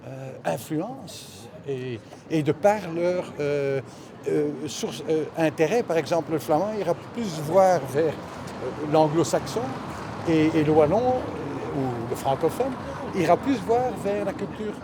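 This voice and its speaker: Against a noisy backdrop of crowd chatter, a Belgian man whose first language is Dutch responds casually as an interviewed cartoonist and press illustrator. He speaks slowly, with a slightly high voice and lively intonation.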